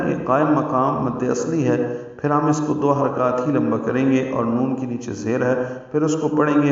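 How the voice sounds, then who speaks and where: A man teaching Quran recitation rules, methodically sounding out letters and repeating words slowly. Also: medium pitch. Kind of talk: tajweed lesson in Urdu. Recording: very echoey, distant, dull sound.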